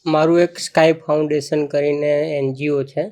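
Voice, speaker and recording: A man, a podcast guest, chatting in a relaxed way and explaining things plainly, with a joking streak. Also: on the high side, normal speed. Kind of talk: casual chat.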